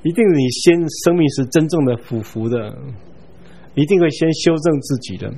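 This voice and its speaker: A man giving a Bible study lecture in a relaxed, chatty way, chuckling now and then and checking in with his listeners. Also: a little high, normal speed. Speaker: Bible teacher.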